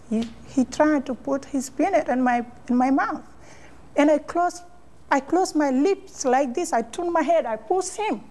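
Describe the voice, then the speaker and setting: A woman interviewee giving an emotional personal account, halting and repeating phrases in non-native English. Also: high voice, darkish tone.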